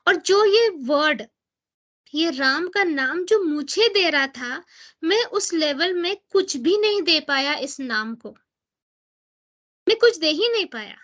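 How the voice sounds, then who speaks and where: A woman with a very high, animated, fairly bright voice leads a devotional scripture class, though the audio is dull. She explains in chatty mixed Hindi and English, posing questions and answering them herself, and reads English book passages slowly and deliberately.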